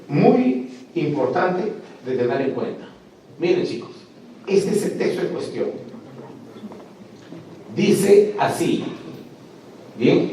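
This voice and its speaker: In a lecture hall, a man with a warm, medium-pitched voice teaches a class on biblical texts, speaking emphatically and throwing rhetorical questions at his students. The room is echoey, the mic sits at a distance, and there's faint noise.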